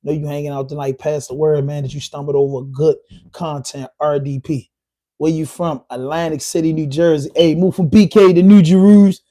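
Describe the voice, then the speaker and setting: This Baltimore podcast host does live-stream commentary, riffing to the chat in brisk, fairly even tones. Though his voice runs slightly high for a man, it stays dark and mellow, and he hammers his points with heated, emphatic street talk, repeating them again and again.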